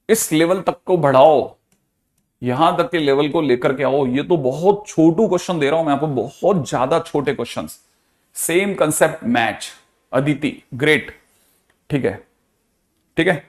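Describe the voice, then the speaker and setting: A maths teacher with a somewhat high voice runs a live online class. He reads each step aloud and checks in with his students by name. He keeps asking whether the point has landed. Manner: calls out student names, quizzes often, reads steps aloud; speaks Hindi mixed with English maths terms.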